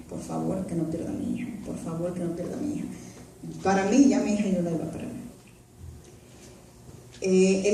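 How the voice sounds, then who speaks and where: A woman giving an earnest personal testimony in a church, telling her story haltingly with restarts. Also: mid-range voice, warm tone, slight background noise. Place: church hall. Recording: very echoey hall, voice from far off.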